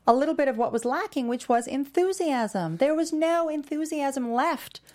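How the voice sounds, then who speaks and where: A woman's voice: high voice, lively intonation, normal speed, darkish tone. A woman co-hosting a TV after-show, chatting casually and playfully. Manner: conversational, playful, many fillers. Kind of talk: casual chat.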